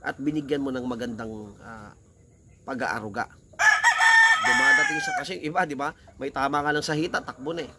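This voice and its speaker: A man, hoarse from shouting, talking in a heated, animated way as a casual vlog host. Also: fairly high pitch, fairly quick, pauses often, heavy background noise. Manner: animated, heated, repeats himself. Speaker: cockfighting vlogger. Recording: loud roosters crowing behind.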